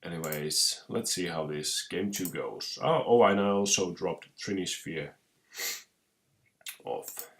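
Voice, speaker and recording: A young man with a Finnish accent and a cold commentates his own card game match casually. His voice is low-pitched and a bit bright, and his speech is full of pauses, restarts and throat clearing.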